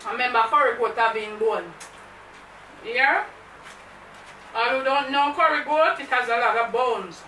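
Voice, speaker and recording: A woman with a Jamaican accent hosts a mukbang vlog, chatting casually to camera and slipping into patois. Her fairly high, sharp voice is unhurried, with long pauses. The room is echoey, the mic is far off, and there's faint noise.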